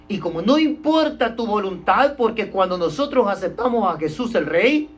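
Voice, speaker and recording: A male pastor preaching a sermon, stressing points loudly and then dropping to a hush, and often calling his listeners brother. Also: high-pitched. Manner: emphatic preaching, swinging between loud stresses and hushed drops; keeps addressing listeners as brother.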